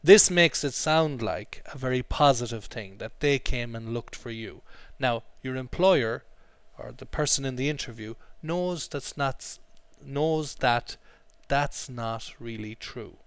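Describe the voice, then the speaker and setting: A man leads an English lesson, explaining words and having the class repeat phrases after him. His voice is mid-pitched, and the recording sounds dry and close. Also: a little slow, hardly any pauses, clean tone, dry recording. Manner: drills pronunciation, repeating phrases for students. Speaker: English teacher.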